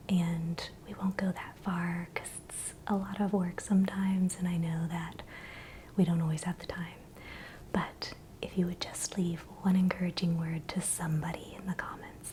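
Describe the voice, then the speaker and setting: Woman, whispered ASMR pep talk, very slow pace, gentle and encouraging, breathy, noticeable background noise. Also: fairly low pitch, little pitch movement, rough recording. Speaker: ASMR channel host. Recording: clear background noise, ambient hiss.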